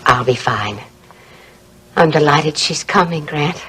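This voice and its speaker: A woman's voice: low-pitched, animated, takes it slowly, bright, forceful tone, husky, full character voice. An actress playing a composed, wealthy older woman in a 1980s TV soap opera. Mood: calm.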